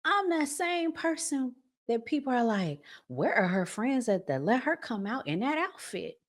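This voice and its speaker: With a voice on the high side, big swings in pitch and a slightly slow pace, this American woman hosts a relationship advice channel. She advises casually and emphatically in colloquial language, drawing out key words and acting out examples.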